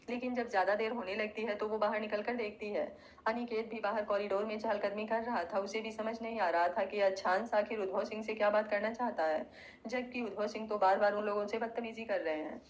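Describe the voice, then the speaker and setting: A woman narrating an audio love story in a smooth, expressive reading. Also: mid-range voice, a little fast, low-quality recording.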